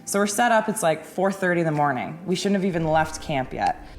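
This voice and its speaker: A woman's voice: lowish voice, lively intonation, fairly quick. A woman hunter telling a hunting story in a casual way, laughing often.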